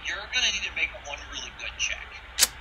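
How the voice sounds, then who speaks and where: A man's voice: high voice, animated, normal speed, sharp tone. A man running a tabletop game as game master, moving between casual table talk and descriptive narration. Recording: distant mic with clear background noise.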